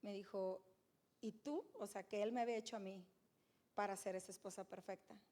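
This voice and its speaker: A middle-aged woman, giving an animated, emphatic faith testimony as a guest speaker and turning often to her audience. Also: medium pitch, fast.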